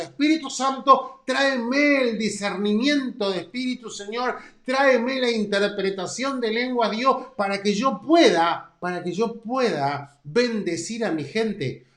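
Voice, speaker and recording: A man with a Rioplatense Spanish accent in his thirties, teaching a Bible study class in an animated, emphatic way and often checking in with his listeners. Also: high-pitched, echoey room.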